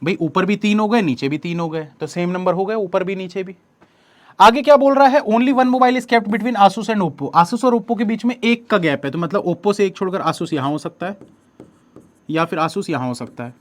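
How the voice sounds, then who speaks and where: Man, high voice, coaching class teacher, explains step by step. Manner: explains step by step and reads questions slowly aloud. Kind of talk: exam coaching lesson.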